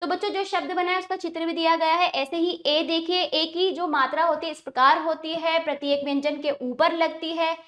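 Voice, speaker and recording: High-voiced woman teaching children. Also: fairly even intonation, fairly bright tone. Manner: slow, careful, repeats sounds for children. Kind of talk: children's grammar lesson.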